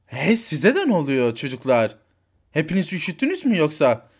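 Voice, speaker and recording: A man's voice: on the high side, wildly swooping pitch, normal speed, husky, pitched below the performer's own voice, full character voice. A man voicing a worried but firm mother in a toy figure story, insistent and scolding.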